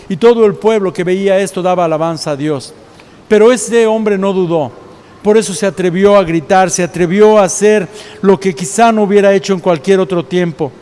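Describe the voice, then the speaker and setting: Mexican pastor, high male voice, storytelling sermon in a reverberant church hall. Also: a little mellow, clear, resonant tone. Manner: storytelling preacher, acts out quoted voices.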